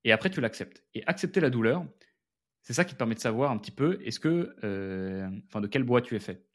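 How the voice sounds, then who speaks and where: A man's voice: mid-range voice, lively intonation, a little fast. A French man hosting a casual solo podcast, talking candidly and chatting straight to his listeners as friends. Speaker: podcast host and founder.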